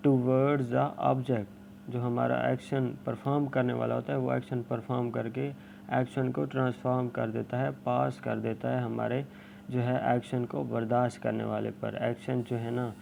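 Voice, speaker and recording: A man teaching an exam-prep grammar lesson, explaining step by step, asking and answering his own questions and reading the test sentences slowly. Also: medium pitch, level tone, vocal fry, dark tone. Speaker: English teacher. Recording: dull lo-fi recording with faint hiss.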